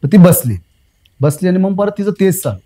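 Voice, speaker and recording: Young male guest, slightly high, mellow voice; loose rambling storyteller who repeats phrases and says "uh" a lot. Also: expressive, low-quality recording. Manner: rambling, repeats phrases, fills pauses with "uh", addresses the host as sir. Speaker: guest recounting a personal experience. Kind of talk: casual spoken storytelling.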